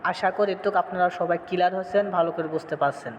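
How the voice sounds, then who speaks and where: A man teaching correct pronunciation of a recitation, explaining quickly and then drawing syllables out slowly. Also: sits high, big-room sound, lo-fi sound, a little hiss or hum. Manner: explains at speed, then stretches syllables slowly and chants them. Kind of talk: tutorial on pronunciation.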